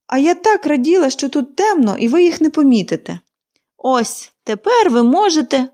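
A woman's voice: sits high, very animated, normal speed, dark tone, voice pushed up. A woman voicing a cheerful, chatty young girl in an audiobook reading, gushing and eager.

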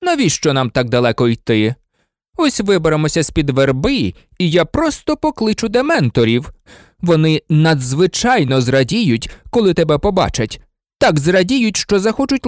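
A man's voice: sits high, wildly swooping pitch, moderate pace, a little mellow, no room sound, studio quality, pitched above the performer's own voice. A man voicing sneering, vengeful Snape. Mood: silky. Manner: silky, sneering, frenzied. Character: cold vengeful male professor, sneering.

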